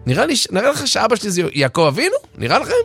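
A man's voice: sits high, wildly swooping pitch, vocal fry, slightly rough, no room sound, soft background music, voice pushed up, heavily acted. A man putting on a brash vain pretty boy. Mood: indignant. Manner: boastful, indignant, loud exclamations. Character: vain flashy young man, brash and full of himself.

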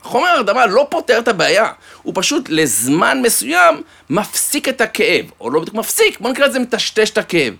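A man giving a sermon, an animated storyteller who fills it with jokes and speaks fondly to his listeners. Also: high voice, vocal fry. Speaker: preacher. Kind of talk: sermon with joke-telling.

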